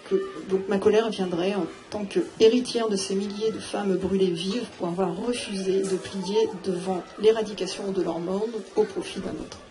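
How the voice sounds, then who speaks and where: A woman speaking on a live round-table panel, thinking aloud with many pauses and fillers. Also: mid-range voice, fairly even intonation. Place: theatre hall. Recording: noisy live room recording.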